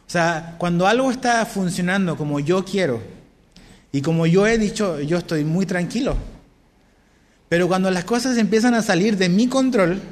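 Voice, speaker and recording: A man preaching a sermon as pastor, conversational and often asking his listeners questions. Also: high voice. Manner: conversational, asks the congregation questions. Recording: long hall reverb.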